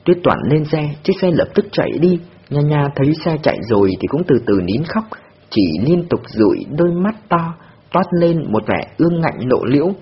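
A man narrating an audiobook with expressive storytelling. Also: fairly high pitch, normal speed, breathy edge. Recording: dull lo-fi recording.

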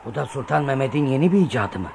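An actor playing a wary, worried soldier in a radio play, speaking colloquially to a comrade. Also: male voice, mid-range voice, expressive, quick pace, creaky, a little mellow, a little hiss or hum.

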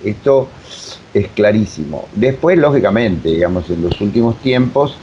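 A Uruguayan man in his seventies with a Rioplatense accent, a voice technique teacher, reminisces as an interview guest in a rambling, digressive way full of filler phrases. His voice is mellow with lively intonation at a moderate pace. The recording sounds dull, rumbly and faintly noisy.

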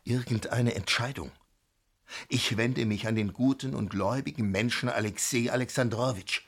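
Stepan, a husky, pleading nobleman. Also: mid-range voice, moderate pace. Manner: earnest, persuasive pleading. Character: pleading, good-natured nobleman, brother-in-law. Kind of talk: radio drama acting.

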